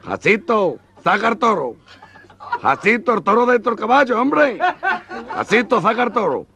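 A man voicing a vain, cowardly bullfighter who shouts fussy orders in a rising whine. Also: high voice, big pitch swings, normal speed, vocal fry, a crowd in the background, voice pushed up, full character voice.

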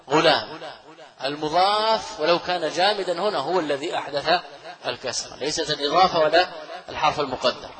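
A man delivering a grammar lecture with a slightly high voice. He explains step by step, repeats key phrases and quizzes his students with rhetorical questions. He chuckles often while he teaches. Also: a bit bright, rough recording. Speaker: Islamic scholar teaching Arabic grammar.

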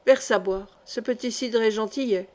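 A woman's voice: a little high, moderate pace, natural voice. A woman reading the part of a boastful, greedy young man getting drunk at a feast. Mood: tipsy swagger.

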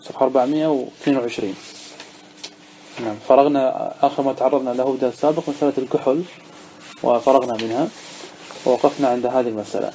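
A man's voice: mid-range voice, fairly even intonation, very fast, long pauses, warm tone, muffled recording, slight background noise. A man, a sheikh, teaching an Arabic grammar lesson, reading a text aloud, then explaining it and quizzing his students.

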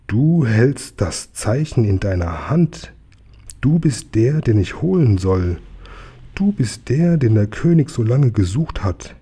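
A man doing a booming, solemn genie. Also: dark tone, breathy edge. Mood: exalted. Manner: slow, solemn and resounding. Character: booming ancient male spirit from a bottle. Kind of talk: audiobook reading.

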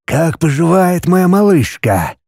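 An ancient, wise basilisk, as a male reader voices him in a storybook, counselling in a hushed, slow, measured way. His voice sits a little raised and soft. It is dry, with no room sound. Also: fairly high pitch, sing-song, husky, no room sound, voice pushed up, full character voice. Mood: admonishing.

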